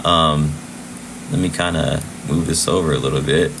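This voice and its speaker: A livestream trading host with a creaky bass voice gives casual chart commentary at normal speed, his intonation fairly even. He's chatty and repetitive, shouting out and thanking viewers, though he's losing his voice. Background noise is audible.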